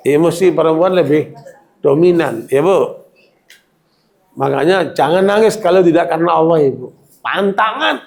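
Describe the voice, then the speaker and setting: A man's voice: sits high, vocal fry, darkish tone. A man giving a religious lecture to women, talking colloquially and often checking in with the audience. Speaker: Islamic preacher.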